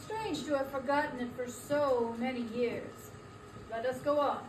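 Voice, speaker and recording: Woman as high-voiced solemn guiding spirit. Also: fairly even intonation, unhurried, over music. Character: solemn guiding Ghost of Christmas Past. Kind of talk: dramatic stage reading. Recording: echoey room, distant mic, background noise.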